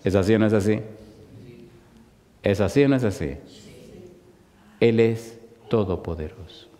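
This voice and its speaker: A man with a fairly low voice preaches a sermon, hurling rhetorical questions at the crowd and swinging between loud bursts and slow, hushed emphasis. A long reverb tail trails his words.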